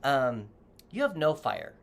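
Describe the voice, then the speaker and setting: With a gravelly, sing-song voice at medium pitch, a tarot reader moves slowly through a casual reading to camera. The delivery is loose and rambling, with frequent self-corrections and gentle advice spoken right to the viewer.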